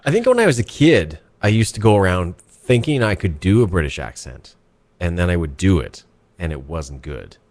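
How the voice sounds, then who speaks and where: Co-host, man from Canada, rambling jokey banter, low voice with animated swings. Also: normal speed. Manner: joking, rambling, deadpan asides. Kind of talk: casual chat.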